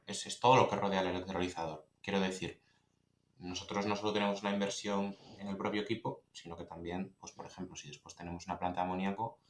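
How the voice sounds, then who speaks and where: A man's voice: low-pitched, roomy sound, a little hiss or hum. A man with an accent from Spain, hosting a podcast and asking long, winding questions with frequent restarts. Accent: Spain Spanish. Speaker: podcast host. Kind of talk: interview questions.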